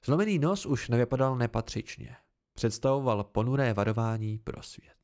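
A man reading a fantasy novel aloud as an amateur audiobook narrator, telling it in a measured first-person voice. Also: medium pitch, expressive, a little mellow. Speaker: audiobook reader.

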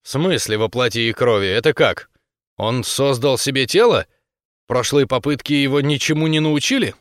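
A man's voice: mid-range voice, animated, normal speed, no room sound, clean studio sound, natural voice. A man voicing a cocky, impatient teenage boy who speaks in a brash, mocking way. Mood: puzzled.

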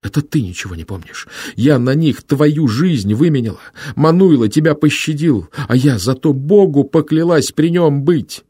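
A man's voice: expressive, moderate pace, vocal fry, hardly any pauses, a little mellow, husky, dry recording, studio quality, full character voice. A man voicing a grieving young woman who cries out in defiance and fury, in an audiobook reading. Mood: furious. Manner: shrill, sobbing outcries. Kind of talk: audiobook character voice.

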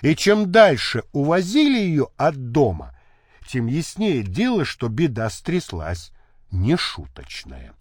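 A man narrating an audiobook with expressive storytelling, close to the mic. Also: mid-range voice, slow, husky, no echo.

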